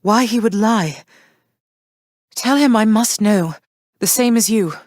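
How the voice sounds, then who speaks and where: A woman's voice: mid-range voice, slow, a little mellow, no room sound, studio quality. An actress voicing Persephone, a tender, proud goddess mother who speaks in formal, old-fashioned phrases. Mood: earnest. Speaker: game character voice. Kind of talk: game voice lines.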